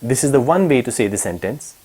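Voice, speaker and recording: A young man teaching an exam-prep lesson, explaining numbered points one by one in a clear instructional way. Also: mid-range voice, expressive, quick pace, dark tone. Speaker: English teacher.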